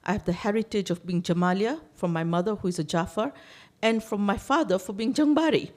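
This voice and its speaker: A woman's voice: medium pitch, brisk. A woman who grew up in Tanzania, an election candidate giving an emphatic campaign speech to a seniors' gathering in a community hall, stacking up lists and repeating words to stress her points.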